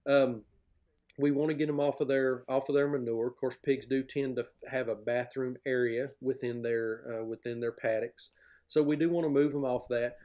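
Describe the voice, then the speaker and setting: A middle-aged man talks about his farm with eager, plain-spoken energy, laying out how things work step by step. His voice sits at an ordinary middle pitch for a man. He is heard through a video-call setup from a room at home. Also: darkish tone. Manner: enthusiastic, explanatory, plain-spoken. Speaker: pig farmer guest. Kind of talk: podcast interview over video call. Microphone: video call, webcam framing.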